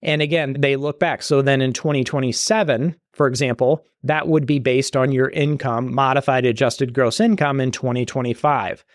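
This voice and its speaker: A podcast host and retirement planner answers listener questions on his solo show, explaining retirement benefits conversationally with frequent restarts and asides. His medium-pitched voice is steady at a normal speed with few pauses, recorded in studio quality with no room sound.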